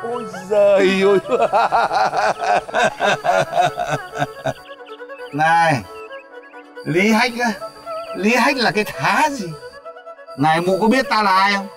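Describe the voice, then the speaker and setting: A man's voice: sits high, lively intonation, a little slow, long pauses, over music. A man plays a blustering, hot-tempered retired village mandarin in a folk comedy. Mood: boastful. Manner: pompous, bossy, shouting threats.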